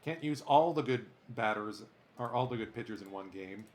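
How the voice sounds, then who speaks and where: Each play of the baseball video game he's streaming gets an energetic, sportscaster-like call from this man. He speaks at an ordinary speed with a medium-pitched voice and chats with his audience during the breaks.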